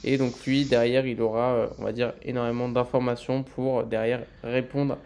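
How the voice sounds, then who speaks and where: A man's voice: mid-range voice, little pitch movement, normal speed, creaky, a little mellow, smooth. A man answering a lecturer's question in a webinar, hesitant, with many fillers. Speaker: student.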